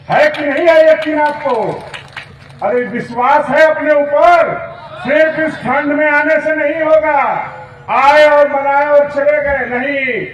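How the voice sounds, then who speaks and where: A man's voice: high voice, far from the mic, slight background noise. A man giving a rousing political speech at an outdoor rally, with a Uttar Pradesh Hindi accent, talking through a PA system with rhetorical questions to the crowd. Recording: echoey PA sound from afar, faint ambience.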